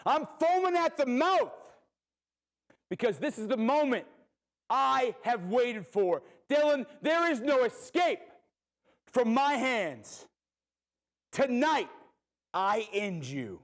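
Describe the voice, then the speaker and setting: A man's voice: very high-pitched, very animated, slow pace, pauses often. A man cutting an intense, threatening wrestling promo. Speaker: professional wrestler.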